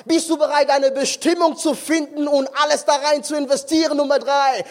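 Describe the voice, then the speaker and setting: A man's voice: very high voice, flat delivery, brisk. A male preacher giving an impassioned sermon at a conference, firing questions at the congregation. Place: conference hall.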